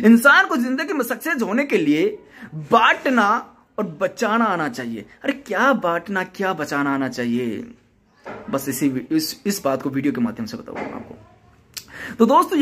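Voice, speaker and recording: A man's voice: high-pitched, fairly bright tone, breathy edge. A man hosting his own channel, giving an earnest motivational talk and repeating his points in a preaching way. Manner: earnest, repetitive preaching delivery. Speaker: YouTube channel host.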